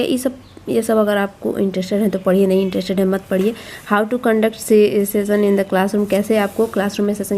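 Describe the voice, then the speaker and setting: Woman host, mellow voice, coaxing teacher-like explainer, light background noise. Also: mid-range voice. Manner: coaxing, reassuring, repeats herself often. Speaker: channel host explaining a schoolbook to parents. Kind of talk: explaining a schoolbook to parents.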